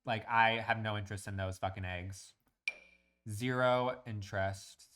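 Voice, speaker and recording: A man's voice: fairly low pitch, steady tone, unhurried, a bit bright, faint music behind. A young man chatting casually while streaming a building game, ranting in crude, profane comic bits and reacting to chat.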